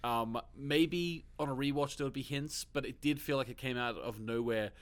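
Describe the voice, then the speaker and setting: A man co-hosting a casual movie podcast in a mid-pitched voice. He talks eagerly, circling back and repeating himself, and laughs easily. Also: moderate pace. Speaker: podcast co-host.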